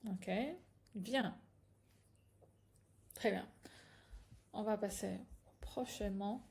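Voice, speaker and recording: A woman's voice: medium pitch, fairly even intonation, measured pace, creaky, dark tone. A woman teaching a patient, step-by-step reading lesson, often checking in with her students. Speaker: Hebrew teacher.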